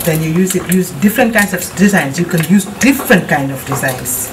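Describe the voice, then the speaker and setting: A woman's voice: fairly low pitch, animated, brisk, noisy background. A middle-aged woman, patiently explaining home cooking outdoors and often repeating herself. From The Gambia. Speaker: cooking teacher. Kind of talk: casual explaining. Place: outdoor courtyard.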